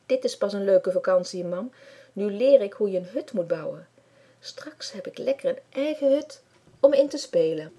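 Keen little boy, bit unsure sometimes, storybook kid voice, lady doing it, breathy. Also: mid-range voice, animated, moderate pace, mellow. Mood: eager. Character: eager young boy.

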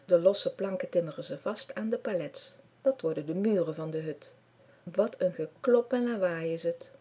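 A woman reading a children's story aloud with lively expression. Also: fairly low pitch, slightly rough.

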